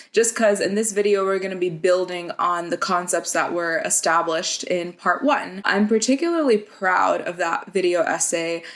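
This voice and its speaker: Young woman in a casual video essay. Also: mid-range voice. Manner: conversational, with frequent "like" and "kind of".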